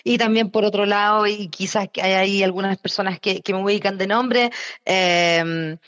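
A chatty woman with a Chilean accent, talking quickly and casually about her work as an interview guest. Her voice comes through a slightly dull, muffled recording with no room echo at all. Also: medium pitch, steady tone, a bit bright. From southern Chile. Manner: chatty, quick, frequent eh fillers. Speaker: engineering director guest.

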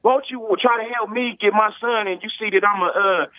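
Male caller, high voice, rambling, clipped breaking-up speakerphone line, tinny and dry. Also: brisk, no echo. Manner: rambling, repeats fillers. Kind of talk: casual call-in rant. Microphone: phone on speakerphone.

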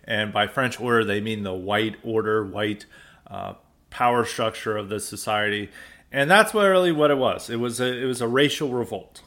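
A man's voice: on the low side, animated, moderate pace, a bit bright. Sarcastic American man hosting a podcast. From United States. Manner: sarcastic, exasperated, with mocking quoted voices; loose, conversational, with frequent restarts. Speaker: podcast host. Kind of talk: solo political commentary podcast.

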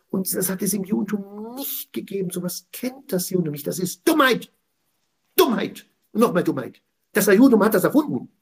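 A man giving a passionate weekly Torah commentary, swinging between quiet explanation and loud, indignant outbursts. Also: on the high side, gravelly.

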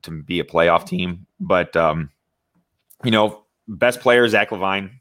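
A young man from Indiana with a very low voice talks sports on a podcast. His speech is loose and chatty, full of "you know" and restarts. The sound is dry and close, with no room around it. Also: takes it slowly, fairly bright tone, no room sound. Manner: conversational, many fillers and restarts. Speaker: podcast co-host. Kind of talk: casual sports talk.

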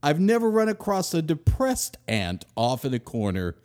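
A man hosting a podcast, telling a comic story in a wry, self-mocking way, swinging between loud and murmured. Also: fairly high pitch, wildly swooping pitch, normal speed. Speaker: podcast host, author.

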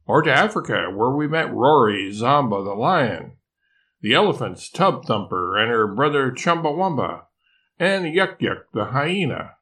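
A bewildered male koala in a read-aloud storybook, his voice climbing high and swinging wide as he protests that his memories are real, as an older man puts him on. He sounds groggy and earnest, stretching out his words slowly. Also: big pitch swings, bright, forceful tone, exaggerated voice. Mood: insistent bewildered. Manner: bewildered, pleading, rising questions. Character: excitable, squeaky male koala, drowsy and confused.

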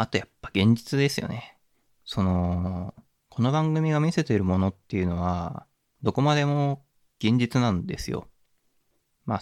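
A man's voice: on the low side, no echo, clean studio sound. A man hosting a solo podcast, musing in a reflective way, with many fillers and restarts. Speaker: podcast host. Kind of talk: casual solo podcast talk.

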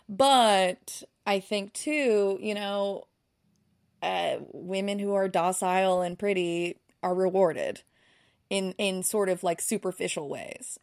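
Chatty woman, slightly low voice. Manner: candid and self-deprecating, many ums and likes. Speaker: podcast guest. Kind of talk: casual conversation.

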